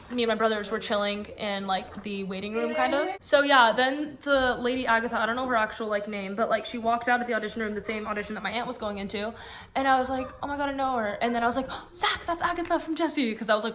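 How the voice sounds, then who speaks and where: Young woman vlogger, slightly high voice, rambling storytime chat, phone mic in a car. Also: steady tone, fast, fairly bright tone. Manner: rambling, fillers like "like".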